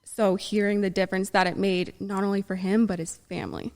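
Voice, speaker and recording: A young woman as an interview guest, speaking earnestly and openly about her own experiences in a relaxed conversation. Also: mid-range voice, fairly quick. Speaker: guest, neurofeedback practitioner. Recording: long room reverb.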